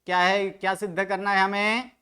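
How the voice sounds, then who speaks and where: A man's voice: high-pitched, little pitch movement, moderate pace, sharp tone, smooth. A man teaching Sanskrit grammar to a study group, quizzing students with questions and correcting their pronunciation. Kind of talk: online study-group lecture.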